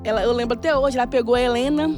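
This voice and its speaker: A middle-aged woman telling a personal testimony in a casual, animated way and acting out the dialogue. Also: fairly high pitch, very fast, faint music behind. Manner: animated, laughing often, acts out dialogue. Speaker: church guest sharing a testimony.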